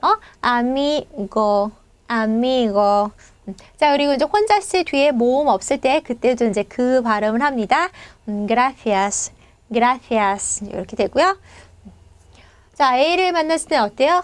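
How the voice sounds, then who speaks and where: A woman teaching a Spanish pronunciation lesson, explaining patiently and saying each example word slowly twice. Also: high-pitched, sing-song, no echo.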